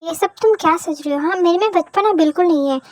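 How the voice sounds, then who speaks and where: A woman with an extremely high, childlike voice performs every part of a homemade fan audio drama herself. She switches quickly between roles in snappy, bickering dialogue. The recording is completely dry. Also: no room sound.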